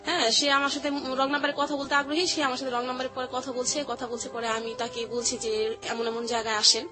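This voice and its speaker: Over background music, a woman with a high voice that barely shifts in pitch speaks a little fast. She's an interview guest with a Bangladeshi accent, recounting her own experience in casual, repetitive wording.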